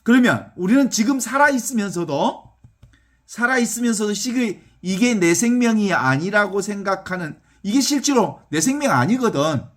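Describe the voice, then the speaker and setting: Middle-aged male priest, high lively voice, folksy sermon that keeps checking with the listeners. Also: normal speed. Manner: animated, folksy, asks listeners "right or not?". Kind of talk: sermon with text reading.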